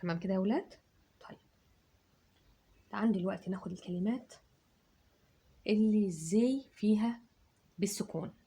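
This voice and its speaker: A woman's voice: mid-range voice, a little fast, pauses often, dark tone, breathy edge. A woman with an Egyptian Arabic accent giving a children's dictation lesson, stretching out each syllable as she dictates. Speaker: teacher.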